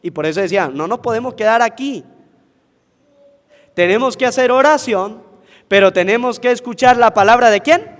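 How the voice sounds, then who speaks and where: High-voiced priest preaching. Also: male voice, animated, normal speed, long pauses. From Venezuela. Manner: asks the congregation questions and answers them himself. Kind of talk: sermon at Mass. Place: church. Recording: long church reverb.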